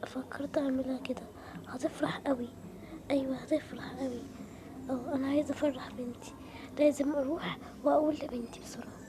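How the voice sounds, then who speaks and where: A woman voicing a soft-spoken young mother in a game story role-play, talking in a hushed, half-whispered way. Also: high voice, steady tone, fast talker, long pauses, noisy background, voice pushed down, natural voice. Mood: musing.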